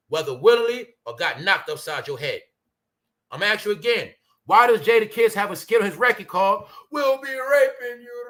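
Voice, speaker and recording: Ranting on his livestream, a host from Brooklyn, New York curses heatedly and keeps addressing the crowd as "y'all" and "bro." His voice is high-pitched, bright, and pushed.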